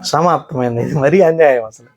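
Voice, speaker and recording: A male pastor delivering a sermon, loud and emphatic, firing rhetorical questions at the congregation. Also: a little high, a little fast, dull audio. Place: church.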